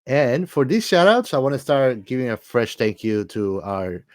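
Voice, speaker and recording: A man co-hosts a podcast in casual conversation, enthusiastic and repeating words for emphasis. His medium-pitched voice is sing-song and a little mellow at a moderate pace, recorded as clean studio sound with no echo.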